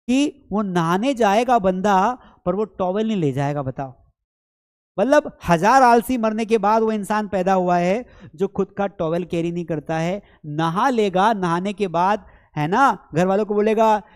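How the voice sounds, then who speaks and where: A man with an Indian accent, a Hindi speaker, giving a chatty, teasing online English lesson, his voice strained from an hour of talking. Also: high-pitched. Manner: chatty, teasing, addresses students as beta. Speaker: spoken English teacher. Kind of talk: live online lesson, playful lecturing.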